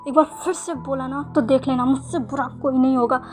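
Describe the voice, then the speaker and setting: Woman reading as a young man, storybook hero, stern, hot-tempered, high voice. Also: steady tone, a little fast, soft background music, close to an everyday voice. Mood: angry.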